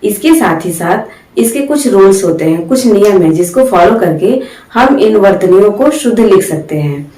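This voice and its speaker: A woman teaching Hindi spelling rules, slowly drawing out each example word and mixing English words into her Hindi. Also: medium pitch, lively intonation, dark tone, echoey room, recorded from a distance, rough recording. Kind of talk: spelling lesson.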